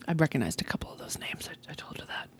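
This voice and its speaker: A woman's voice: fast talker, in a whisper. A woman hosting a podcast in a casual, chatty and enthusiastic way, laughing often. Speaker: podcast host.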